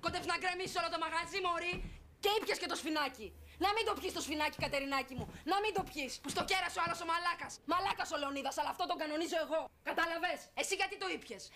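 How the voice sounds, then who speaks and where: A woman's voice: extremely high pitch, background noise. An actress playing a foul-mouthed young woman in a vicious, insulting tirade in a film drama. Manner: insulting, venomous, crude.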